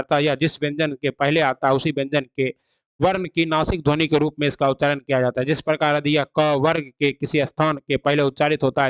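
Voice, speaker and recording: A man's voice: fairly high pitch, clear, resonant tone, no echo, dull audio. A man teaching Hindi grammar in an online exam-prep lecture, explaining rules and asking himself rhetorical questions.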